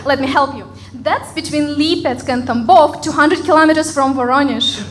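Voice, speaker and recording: A woman from Russia with a Russian accent doing a deadpan stand-up set on a comedy club stage. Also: high voice, moderate pace. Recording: loud crowd and room noise in a club. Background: audience laughter.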